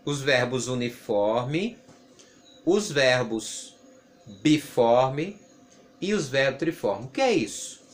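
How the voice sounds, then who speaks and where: A man's voice: mid-range voice, animated, takes it slowly. A man with a Brazilian Portuguese accent teaching an English grammar lesson, patiently repeating points and asking rhetorical questions. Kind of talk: classroom lesson explaining grammar.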